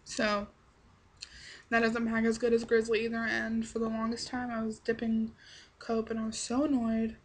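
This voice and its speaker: A woman's voice: a little high, monotone, moderate pace. A young woman giving a casual, chatty review to camera, rambling along in a blunt, salty-tongued way. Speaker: product reviewer.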